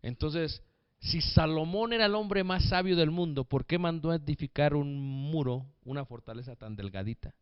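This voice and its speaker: Lively preacher man, smooth voice. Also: on the high side, normal speed, no room sound, highs cut off. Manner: lively, jokey, addresses the congregation as brothers. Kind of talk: sermon.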